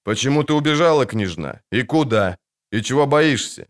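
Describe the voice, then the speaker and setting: A gruff, sarcastic monster hunter who loses patience quickly, read by a man in near his own voice. His speech rises and falls expressively, mocking one moment and sharp the next. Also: medium pitch, animated, lightly acted.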